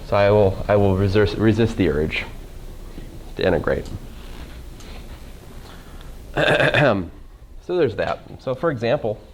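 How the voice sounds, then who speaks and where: A man's voice: on the low side, animated, slow, long pauses, a little hiss or hum, rough recording. A man teaching a college calculus class in a casual lecture style, with dry sarcastic humor and questions tossed to the students. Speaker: math professor.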